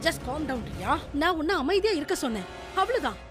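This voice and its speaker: A woman's voice: high voice, very animated, a little fast, crowd noise. An actress dubbing a scheming woman who soothes a girl with false sweetness. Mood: sly. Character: scheming woman feigning kindness. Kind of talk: dubbed television serial acting. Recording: music score under dialogue.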